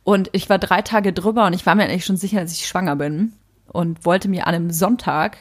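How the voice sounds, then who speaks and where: A woman's voice: lowish voice, a little fast, breathy edge. A woman and mother telling stories in a casual podcast chat, candid and a bit crude. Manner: candid, crude, rambling storyteller. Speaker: podcast co-host.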